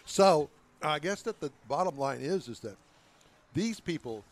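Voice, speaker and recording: A man's voice: fairly high pitch, lively intonation, measured pace. A man co-hosting a show, joking and teasing in casual banter with guests. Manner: teasing, wisecracking. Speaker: co-host.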